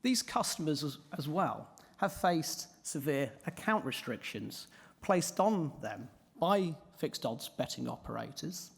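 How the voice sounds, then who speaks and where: A man with a hoarse, croaky voice giving a prepared conference presentation. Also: on the high side, very animated, unhurried. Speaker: conference speaker. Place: large echoing indoor hall. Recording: reverberant hall.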